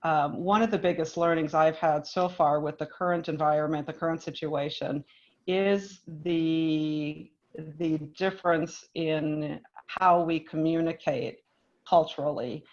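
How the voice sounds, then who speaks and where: A woman from Minnesota, a business leader speaking on a panel in a measured, thoughtful way with frequent restarts. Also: deep voice, steady tone, dull audio. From Minnesota, United States. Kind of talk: panel discussion.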